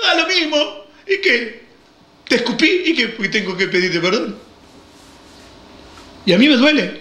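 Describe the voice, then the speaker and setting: A man's voice: high-pitched, fairly bright tone, echoey room. A male preacher giving an emphatic sermon, acting out the voices of the people he quotes.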